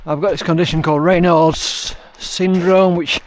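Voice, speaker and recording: A man's voice: a little high, flat delivery, normal speed, a little hiss or hum. A British man vlogging casually while out running on open hills, talking in a wry, self-deprecating way with dry understatement. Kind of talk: casual vlog chat to camera. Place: outdoors on open moorland hills.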